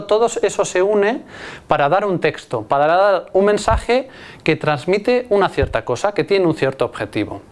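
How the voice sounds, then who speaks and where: A man lecturing on linguistics, explaining step by step with frequent restarts and rhetorical checks to his students. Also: on the high side.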